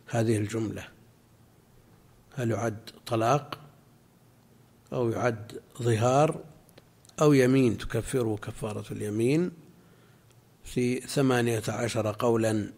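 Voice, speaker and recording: Husky-voiced male scholar giving a lesson. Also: mid-range voice, a little mellow. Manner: measured, explanatory, answers students' questions. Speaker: Islamic scholar teaching a class. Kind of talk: classroom lecture explaining a legal text.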